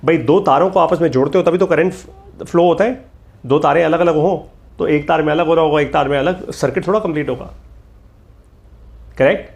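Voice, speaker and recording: A man's voice: fairly high pitch, fairly quick, creaky, long pauses, lo-fi sound. A middle-aged man teaching a motivational course, emphatic and repetitive, slipping English phrases into his talk. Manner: emphatic, repeats key lines, mixes English phrases.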